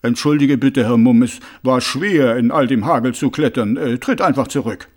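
A man voicing a huge, polite male troll guard in an audiobook, speaking slowly and apologetically. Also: mid-range voice, darkish tone, lightly acted. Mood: apologetic. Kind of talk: audiobook character voice.

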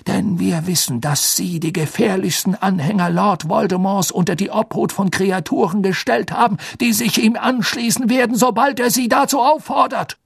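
A wise old headmaster speaks with calm, commanding gravity. A man voices him with a rough, husky tone, close and dry. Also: high-pitched, normal speed, few pauses, no echo, pitched above the performer's own voice, full character voice. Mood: grave. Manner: calm, grave, at times hushed.

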